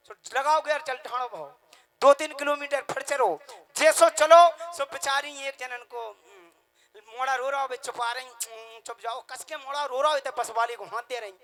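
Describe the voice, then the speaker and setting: A male comedian, telling a comic story in an animated, rustic way. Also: extremely high pitch, moderate pace.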